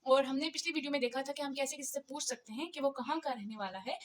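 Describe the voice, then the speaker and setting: A woman's voice: sits high, quick pace. A woman teaching an online language lesson, patiently explaining step by step and repeating each word. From Pakistan.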